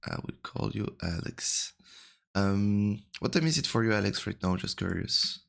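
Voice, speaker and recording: A man coaching a player over a call. He has just woken up and talks quietly into a close mic, rambling with many fillers. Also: on the low side, lively intonation, unhurried, creaky. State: just woke up. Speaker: game coach. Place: home room at night.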